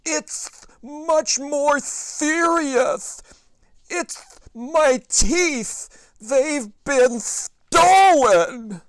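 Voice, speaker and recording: A man voicing a fussy old grandfather who has lost his teeth, in a children's storybook read-aloud, loud and mumbling. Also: very high voice, animated, no room sound, pitched above the performer's own voice, heavily acted, low-quality recording. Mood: distraught. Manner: loud, slow, wailing, mumbling as if toothless.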